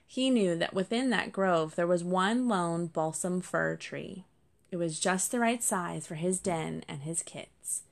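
A woman narrating a children's storybook, gentle and speaking to the listeners directly. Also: on the low side, measured pace, gravelly.

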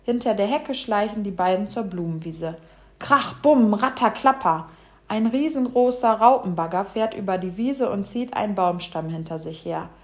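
A woman reads a children's animal story aloud. Her narration is lively and expressive, at an even middle pitch. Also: moderate pace, few pauses.

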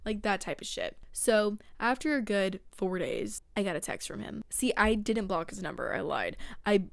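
A woman's voice: medium pitch, big pitch swings, normal speed, gravelly, no echo. Young woman telling a blunt, profane story. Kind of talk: casual story time.

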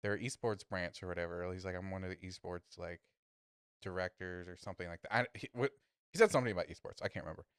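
A man co-hosting a podcast in casual chat, often breaking into high-pitched laughter. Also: fast talker, clear, resonant tone, no echo, studio quality. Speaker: podcast co-host.

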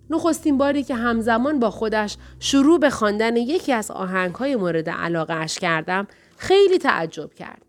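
Woman reading a first-person audiobook. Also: medium pitch. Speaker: audiobook narrator. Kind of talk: scripted first-person narration.

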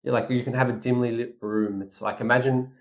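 A man's voice: medium pitch, steady tone, fairly quick. A man reading a children's story aloud and patiently explaining the hard words as he goes. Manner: patient, explanatory, reads dialogue with voices.

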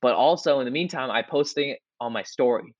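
A young man co-hosting a podcast, telling a story in a casual, excitable way with lots of "like" and restarts. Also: medium pitch, a little fast, dry recording, lo-fi sound. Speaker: podcast co-host.

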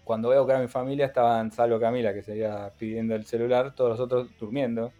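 A man's voice: medium pitch, quick pace, soft background music. A middle-aged man with a Rioplatense Spanish accent, telling a comic story and acting out the other people's voices. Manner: animated, acts out other voices in quotes.

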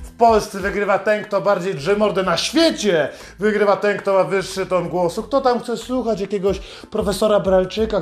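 A man hosting a podcast, delivering a sarcastic, heavily profane satirical monologue. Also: high-pitched. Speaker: podcast host.

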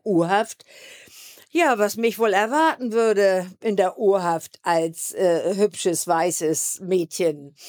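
A woman's voice: medium pitch, a little mellow, no echo, studio quality. Woman telling a candid, emotional story. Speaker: guest. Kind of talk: personal storytelling.

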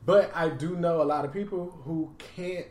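A man's voice: on the high side, normal speed, a little mellow, roomy sound. A man co-hosting a podcast in casual chat, blunt and heavily profane with a loose drawl. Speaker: podcast co-host.

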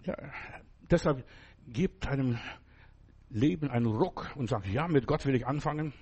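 Delivering a sermon in a church hall, this older man speaks German in a Lithuanian accent, addressing his listener head-on with emphasis. He talks at normal speed in a medium-pitched, husky, slightly mellow voice with lively intonation.

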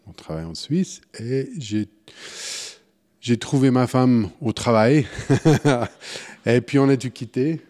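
A man from Kansas, a brewer speaking French as a guest in an interview, halting with many restarts and fillers. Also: mid-range voice, expressive, a little mellow. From United States (Kansas). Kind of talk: casual interview.

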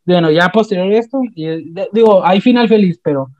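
A young man with a Mexican accent, casually retelling an anime plot in a slangy, animated way with many restarts. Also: sits high, a little fast, dry recording. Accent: Mexican Spanish. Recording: dull, slightly lo-fi dry sound.

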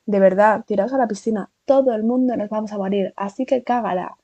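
A young woman from Spain with a Spanish accent, telling a casual storytime vlog in a chatty, animated way full of fillers and asides. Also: mid-range voice, fairly quick, breathy edge, no echo, muffled recording.

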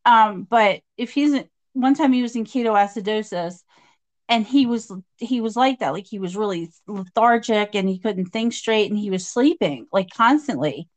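A woman's voice: mid-range voice, moderate pace. A middle-aged woman telling her story in a conversational interview, acting out what others said. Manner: animated storyteller, acts out quotes. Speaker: guest describing past abuse.

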